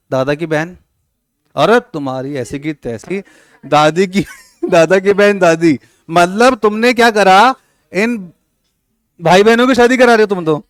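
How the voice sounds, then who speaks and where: A man's voice: high-pitched, clear, resonant tone, no room sound, studio quality. A man teaching a coaching class, teasing his students and acting out little scenes as he explains. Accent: Hindi-English mixing, Rajasthan. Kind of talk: classroom lecture.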